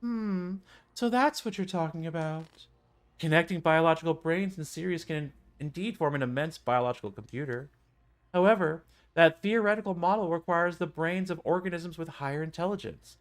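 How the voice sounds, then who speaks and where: A cold, haughty old man from a video game, voiced by a man talks down to everyone. The voice sits raised in pitch and sounds imperious. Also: moderate pace, close to an everyday voice. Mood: scornful, sceptical. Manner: condescending, imperious. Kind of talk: video game character dialogue read aloud.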